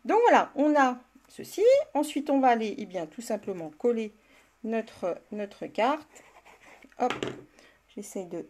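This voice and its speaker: A woman's voice: mid-range voice, creaky, a little mellow. A woman leading a live card-making tutorial, chatting with viewers by name and laughing often as she works. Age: older. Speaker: crafting demonstrator.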